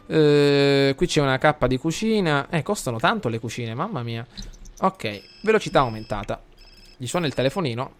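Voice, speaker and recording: A man with an Italian accent commentating a life simulation game for his viewers, chatty, talking to the audience and getting loud and excited during the action. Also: mid-range voice. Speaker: gameplay commentator. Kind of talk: let's play commentary.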